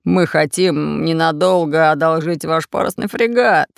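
Casting: gruff low-voiced pirate man in a kids' audiobook , voiced by a woman, slow and sly, dry close sound. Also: no echo. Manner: deep gruff booming, slow. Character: red-bearded male pirate, gruff and scheming.

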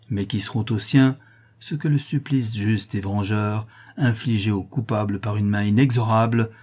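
A man voicing a solemn, reassuring gentleman in an audiobook. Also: fairly low pitch, slightly rough. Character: solemn nobleman, steady protector. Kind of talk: audiobook character reading.

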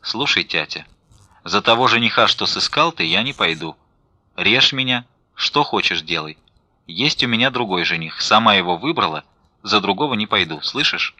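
A man's voice: medium pitch, lively intonation, bright, forceful tone, dry recording, pitched above the performer's own voice. A man voicing a defiant young daughter. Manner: pleading, then firm and measured.

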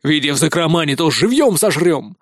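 A man's voice: on the high side, expressive, fairly quick, slight background noise, natural voice. A man voicing an old, hungry rat who sounds sour, distrustful and threatening in a children's fantasy audiobook.

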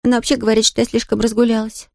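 A woman reading an audiobook, putting on the voice of a cheerful, eager little girl who talks brightly and pleads sweetly. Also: fairly high pitch, flat delivery, rapid-fire, gravelly, no echo, clean studio sound, pitched above the performer's own voice. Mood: earnest.

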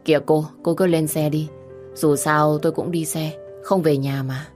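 A woman voicing a calm, helpful young man who speaks softly and reassuringly. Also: low-pitched, moderate pace, faint music behind, close to an everyday voice. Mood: gentle.

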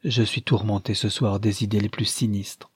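A man voicing a serious, troubled young gentleman who speaks in a confiding tone. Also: medium pitch, steady tone, moderate pace, slightly rough, no room sound, clean studio sound, lightly acted. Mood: earnest.

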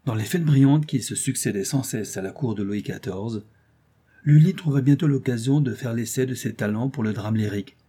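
A man narrating a children's storybook in a measured way. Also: mid-range voice, warm tone, breathy edge. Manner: measured, addresses young readers. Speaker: audiobook reader.

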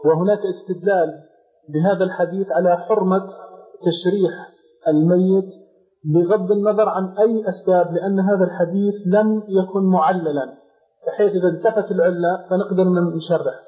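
A man's voice: high voice, fairly even intonation, a little fast. A man laying out a detailed question formally before asking for the scholar's opinion. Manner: lays out a question formally and at length. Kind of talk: religious question-and-answer session. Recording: narrow, phone-like old tape recording.

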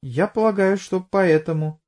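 A man's voice: high-pitched, unhurried, darkish tone, voice pushed up. A man voicing an evasive young woman under questioning who flares up in anger, in an audiobook. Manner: evasive, hesitant, bursts out angrily.

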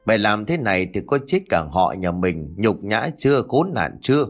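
A man's voice: on the low side, sing-song, normal speed, soft background music. A man voicing a furious, domineering wealthy old mother who scolds with harsh insults. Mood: enraged.

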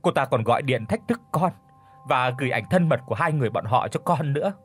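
A man voicing a heartbroken, tearful young wife wailing in a spoken story, with a husky voice. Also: medium pitch, animated, fast, soft background music. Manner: sobbing, wailing.

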